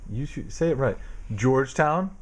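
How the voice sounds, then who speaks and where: A man's voice: mid-range voice, animated, moderate pace, background noise. A man casually quizzing his young daughter at home, asking questions patiently and teasing her. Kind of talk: casual home video chat.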